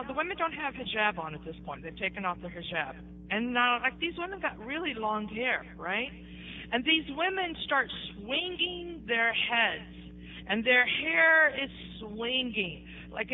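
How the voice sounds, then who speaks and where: An American woman telling her conversion story in animated casual talk, often checking in with her listeners. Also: on the high side. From United States. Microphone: online voice-chat room microphone. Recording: tinny voice-chat line with faint hiss.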